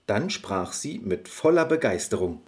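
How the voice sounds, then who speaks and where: A man narrating a fairy-tale audio story in an expressive storybook manner. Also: on the low side, unhurried.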